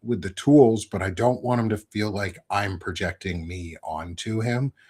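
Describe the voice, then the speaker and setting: Deep-voiced man chatting with many ums. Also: measured pace, a little mellow, slightly rough. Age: 30s. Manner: rambling, filler-heavy, self-correcting. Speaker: podcast host. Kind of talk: casual conversational interview.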